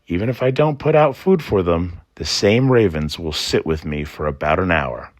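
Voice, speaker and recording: A man narrating a scripted trickster folktale and explaining it in an expressive storytelling manner. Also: sits low, normal speed. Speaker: storyteller and presenter.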